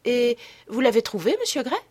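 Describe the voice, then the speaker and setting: Witty teasing duchess, voiced by a woman, lively lilt, breathy tone, storybook reading. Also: on the high side, normal speed, pitched above the performer's own voice. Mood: probing. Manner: playful, arch, bright teasing lilt. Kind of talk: audiobook character reading.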